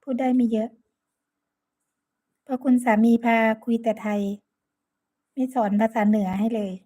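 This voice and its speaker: A chatty woman with a Northeastern Thai Isan accent talks to her live-stream viewers, greeting and thanking each by name. Her voice sits a little high yet sounds mellow and soft. She speaks into a phone. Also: fairly even intonation, a little slow. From Sakon Nakhon, Northeast Thailand.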